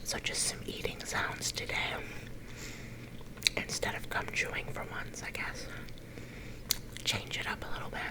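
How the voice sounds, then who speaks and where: A middle-aged woman leaning in to whisper a casual, unhurried ASMR chat, her whisper a little growly at times. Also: rough recording. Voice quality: whisper that turns slightly growly. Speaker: ASMR video creator.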